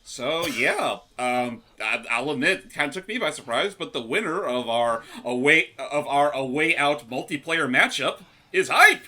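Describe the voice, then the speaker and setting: A man's voice: fairly high pitch, big pitch swings, moderate pace, few pauses, pushed and bright. A man commentating casually on a co-op game, with playful announcer-like flourishes. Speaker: gaming video commentator.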